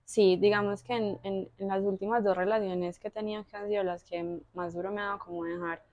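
A young woman with a Colombian accent, a podcast guest telling personal stories in a casual, animated way, full of fillers and quoted inner thoughts. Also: mid-range voice, fairly quick, no room sound, highs cut off. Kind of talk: casual conversational storytelling.

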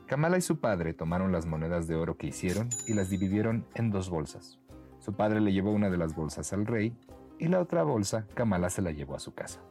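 A man narrating a bedtime story for children in a gentle, expressive way. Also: fairly low pitch.

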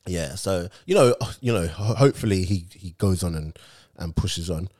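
Here a host with an urban London roadman accent chats about football in a slangy, friendly way. His voice sits low and is a little mellow, expressive, at normal speed.

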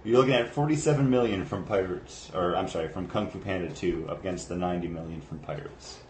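A man co-hosting a podcast, joking and cutting in with quick remarks. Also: sits low, darkish tone. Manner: jokey, quick interjections. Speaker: podcast co-host. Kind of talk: casual chat. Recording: roomy echo with faint noise.

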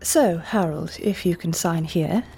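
A woman's voice: lowish voice, measured pace, dark tone, soft background music. A woman playing Cressida, a polished businesswoman who speaks politely and professionally. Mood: courteous. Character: polished, courteous businesswoman handling paperwork.

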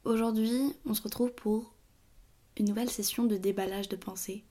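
A young woman hosting her own podcast, talking through her thoughts in a tired, halting way with many fillers and restarts. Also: medium pitch, fairly even intonation, warm tone. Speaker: podcast host. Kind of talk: casual personal monologue.

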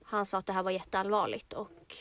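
A woman's voice: mid-range voice, level tone, fairly bright tone. A young woman from Sweden, co-hosting a podcast, earnestly and reflectively telling a personal story in casual chat. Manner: earnest, slow and reflective retelling. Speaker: podcast co-host.

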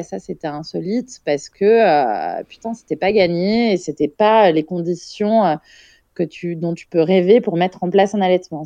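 A woman's voice: fairly low pitch, warm tone, no room sound, muffled recording. A young woman, a mother, telling a story frankly and vividly in a casual interview, swearing now and then. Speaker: guest, mother.

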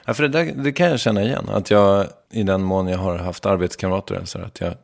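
A man with a Stockholm accent hosting a relaxed interview. He is hesitant and often restarts his sentences. His voice sits low and carries a gravelly fry. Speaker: host, interviewer. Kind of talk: casual interview.

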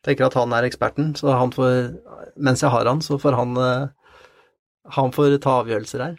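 A man telling a story in an interview, halting and repeating words with many fillers. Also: medium pitch, fairly even intonation, no room sound, studio quality. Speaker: interview guest. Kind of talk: conversational storytelling.

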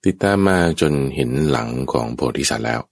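A man's voice: rumbling low, animated, fairly quick, vocal fry, slightly rough, no echo. A man telling an old folk tale with animation, often speaking straight to his listeners. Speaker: storyteller.

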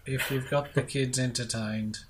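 A man in his thirties co-hosting a podcast, relaxed and easygoing in casual chat. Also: medium pitch, measured pace, a little hiss or hum. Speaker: podcast co-host.

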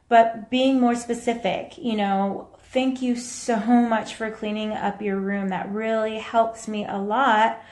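A woman's voice: on the high side, darkish tone. Chatty woman in an echoey room. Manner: chatty, reacts to viewer comments as she goes. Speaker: podcast host and mom coach. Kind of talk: casual live-video talk to viewers.

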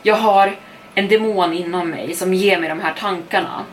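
A woman voicing a frightened teenage boy at a summer camp, speaking quietly in a strained, self-blaming way. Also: lowish voice, a little hiss or hum, natural voice. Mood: anguished.

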